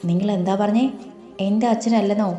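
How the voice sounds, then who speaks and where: Tearful grieving young woman, read by a woman narrator, audio story, mellow tone, echoey room. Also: medium pitch, flat delivery, normal speed, soft background music, natural voice. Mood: distressed.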